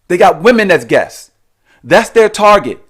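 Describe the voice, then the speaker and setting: Male commentary host, high pitch, argumentative rant style, repetitive and confrontational. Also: sing-song, unhurried, slightly rough. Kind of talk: reaction rant.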